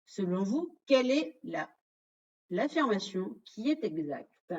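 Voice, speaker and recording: A woman's voice: mid-range voice, big pitch swings, slow, darkish tone, breathy edge, lo-fi sound. A French-speaking woman presenting a quiz in an online webinar, addressing the audience directly and revealing the answers.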